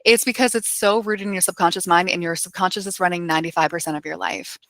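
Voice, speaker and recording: A woman hypnotherapist, a podcast guest, explaining hypnosis in a casual, animated way with frequent laughs and fillers. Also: lowish voice, fast talker, no room sound.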